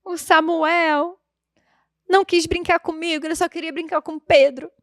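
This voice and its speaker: A woman's voice: very high-pitched, steady tone, moderate pace, fairly bright tone, no echo, clean studio sound, pitched above the performer's own voice. A woman voicing her small daughter, a little girl recounting a hurt in a plaintive, childlike way.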